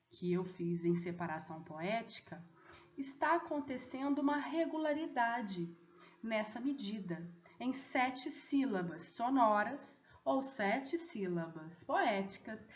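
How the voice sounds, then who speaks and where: A woman teacher explaining a lesson deliberately, often checking in with students. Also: fairly high pitch. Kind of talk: recorded online lesson. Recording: echoey, dull lo-fi room audio.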